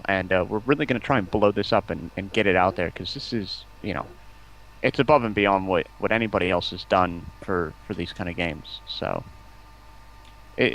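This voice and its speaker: On a low-quality recording, a man with a low, slightly bright voice speaks at a moderate pace. He's a community outreach rep appearing as a stream guest, enthusiastically rambling through long, casual explanations about game streaming.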